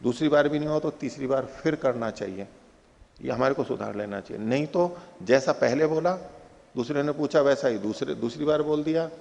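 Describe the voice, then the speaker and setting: A man teaching Nyaya philosophy in a spoken lecture. He recites Sanskrit aphorisms slowly and then explains them with everyday examples. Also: medium pitch, creaky, a little mellow, big-room sound.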